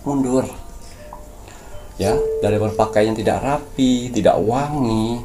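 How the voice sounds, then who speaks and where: A man's voice: medium pitch, slow pace, music in the background. A man speaking as a spiritual medium, giving preachy mystical advice and coaching his listeners. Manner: preachy, coaching tone, addresses viewers as "sayang".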